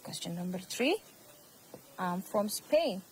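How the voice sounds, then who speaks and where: A woman teacher with an Ethiopian accent, whose first language is Amharic, gives a slow, repetitive English lesson to young students. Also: fairly low pitch, animated, slight background noise, poor audio. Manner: slow, repeats words, addresses students.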